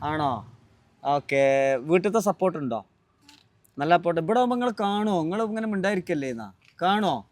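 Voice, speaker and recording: A man's voice: on the high side, lively intonation, a little fast, pauses often, no room sound. Playful man quizzing kids at a roadside stall. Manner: playful quizzing, gentle teasing questions. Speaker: vlogger host. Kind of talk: casual vlog chat with children.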